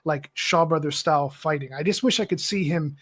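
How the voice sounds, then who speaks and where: A man's voice: fairly high pitch, fairly quick, a bit bright. A man co-hosting a podcast, chatting casually about films in a rambling way with many fillers. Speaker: podcast co-host. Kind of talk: casual film chat.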